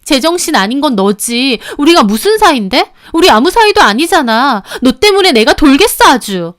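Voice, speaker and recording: A woman's voice: sits high, animated, normal speed, smooth, no echo, clean studio sound, pitched above the performer's own voice. A woman voicing a scornful, cutting young mistress. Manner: contemptuous, cutting, loud. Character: sharp-tongued young woman, the husband's scornful ex-lover. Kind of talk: dramatized story reading.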